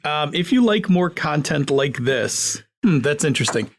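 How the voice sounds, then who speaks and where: Male podcast co-host, slightly high voice, easygoing and jokey, reading plugs. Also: expressive, normal speed, slight background noise. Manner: easygoing, joking. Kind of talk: casual chat and show plugs.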